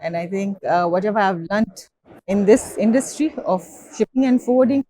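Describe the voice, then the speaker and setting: A woman's voice: medium pitch, normal speed, warm tone, a little hiss or hum, rough recording. A woman from Kenya, giving a conversational interview with frequent fillers. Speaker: guest.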